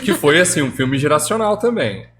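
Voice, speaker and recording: A middle-aged man co-hosting a podcast, chatting casually and making animated, jokey remarks. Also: a little high, moderate pace, slight background noise. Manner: animated, jokey, emphatic outbursts. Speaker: podcast co-host. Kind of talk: casual chat.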